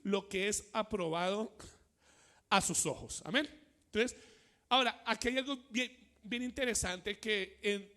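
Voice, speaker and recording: A man preaching a sermon, repeating phrases, pausing on fillers and asking the congregation "cierto?". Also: high voice, sharp tone. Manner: many fillers, repeats phrases, asks the church questions.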